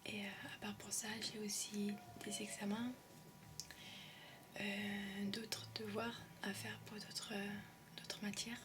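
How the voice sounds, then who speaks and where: Speaking from a shared student flat, this ASMR creator is a young adult woman with a medium-pitched voice, flat and unhurried, recorded far from the mic amid a noisy background. Raised in English-speaking countries, she whispers softly in French with an English tinge, rambling hesitantly with many ums and euhs.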